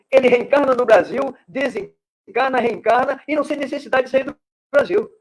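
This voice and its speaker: Man, Brazilian accent, very high voice, didactic radio guest. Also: darkish tone, breathy edge, rough recording. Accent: Brazilian Portuguese. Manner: didactic, gives examples and conjugations. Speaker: guest speaker on Esperanto. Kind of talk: radio talk, explaining.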